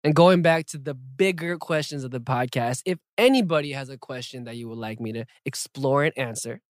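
A young man hosting a podcast in a playful, lively way, reading listener questions and chatting casually. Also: medium pitch, fairly quick, dry recording, clean studio sound. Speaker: podcast host.

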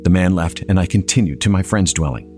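Deep-voiced male story narrator. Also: quick pace, music in the background.

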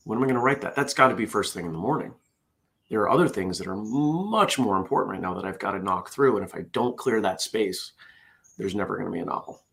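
A man's voice: fairly low pitch, animated, quick pace, creaky, a bit bright. A middle-aged man hosts a casual morning show, chatty and self-deprecating as he reads out corny puns. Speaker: host. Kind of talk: casual morning show chat, reading jokes.

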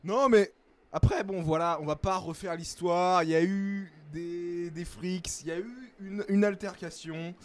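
A man's voice: high-pitched, fairly even intonation, unhurried. A young man playing an indignant French cook who accuses his rival with mock outrage. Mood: accusing.

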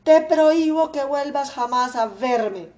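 A woman's voice: medium pitch, takes it slowly, darkish tone, lightly acted. A woman voicing an old miserly father who rages and wails over his lost money, in shrieking, desperate outbursts. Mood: angry.

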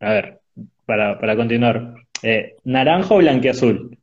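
A male interviewer asking short, direct questions in a quick question round, heard through a dull, choppy online call with a weak connection. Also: medium pitch, animated. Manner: brief, direct questions with filler pauses. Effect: choppy, dull sound over a weak online call connection. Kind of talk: rapid-fire question round over a video call. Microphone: remote call audio.

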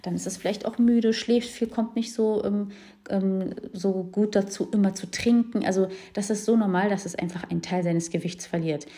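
A young woman, a new mother, frankly tells her viewers about her birth experience, pausing often with fillers. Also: medium pitch, fairly even intonation, warm tone. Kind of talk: casual personal account to viewers.

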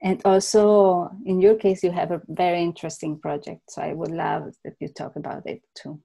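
A woman hosting a casual interview, friendly and quick to laugh. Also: lowish voice, flat delivery, vocal fry, mellow, highs cut off. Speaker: host.

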